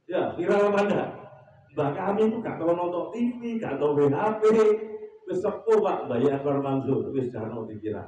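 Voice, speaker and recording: A man's voice: on the high side, animated, moderate pace, dark tone, dull audio, slight background noise. A middle-aged East Javanese man preaching at a neighborhood religious gathering, a humorous storyteller who acts out quotes and quizzes his listeners. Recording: echoey, far from the mic.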